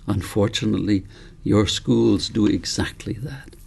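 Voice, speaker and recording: Giving a full character voice, a man voices the wise old grandfather of a storybook, his low tone carrying vocal fry and a breathy edge. He sounds firm and wise, patiently explaining ideas in a calm, measured, philosophical manner.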